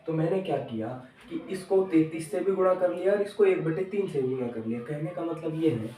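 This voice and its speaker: A man with a dark-toned, slightly high voice teaches maths at a fairly quick clip, breaking the lesson into steps, repeating each and questioning the pupils he calls children. His voice is distant and echoey in the recording.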